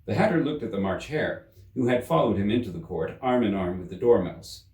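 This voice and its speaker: A man reading a children's story aloud as an expressive storyteller. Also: fairly low pitch, brisk. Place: indoor room. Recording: roomy, slightly distant microphone.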